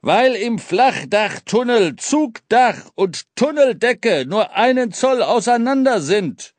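A man's voice: on the high side, sing-song, takes it slowly, no room sound. A man voicing a big, sly old hobo king in an audiobook, teasing and then urgent. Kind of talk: audiobook character voice.

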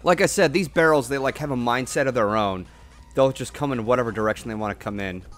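A man doing casual gameplay commentary as a streamer, excitable and foul-mouthed. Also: medium pitch, fast. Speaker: game streamer. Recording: game music behind. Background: video game music.

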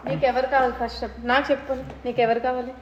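A woman's voice: high-pitched, level tone, rapid-fire, muffled recording. A woman in an improvised comedy skit, defensive and teasing. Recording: very echoey room with background noise.

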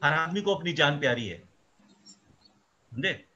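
A man's voice: on the high side, expressive, unhurried, bright, forceful tone. A male microbiology professor explaining at length in an interview, emphatic and mixing in English phrases. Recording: dull lo-fi sound.

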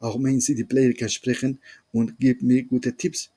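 Man, husky voice, mid pitch, reads a story and translates line by line, explains it to listeners. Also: level tone, normal speed, mellow. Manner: addresses listeners as friends, explains each sentence. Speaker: German language teacher reading a story. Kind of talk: reading a German story aloud and translating it line by line.

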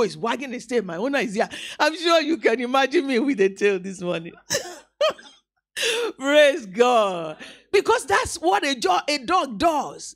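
A woman preacher, delivering an animated live sermon in a church, acting out quotes and bantering with the congregation. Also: high-pitched. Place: church hall.

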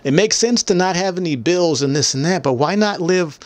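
A man's voice: high voice, moderate pace, no echo. A young man talking into a handheld mic in a small room as he answers viewer comments. His talk is blunt, crude and rambling, and he mocks as he goes. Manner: blunt, profane, rambling and mocking. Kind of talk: casual, crude monologue. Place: small indoor room with photo-covered wall. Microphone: handheld microphone held close.

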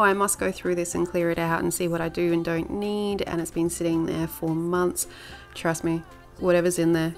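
A woman with a low, gravelly voice talks through her cleaning routine in a relaxed, rambling voice-over, full of little fillers. Soft music plays faintly underneath. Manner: chatty and rambling, with filler words. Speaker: home cleaning vlogger. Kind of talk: casual voice-over narration.

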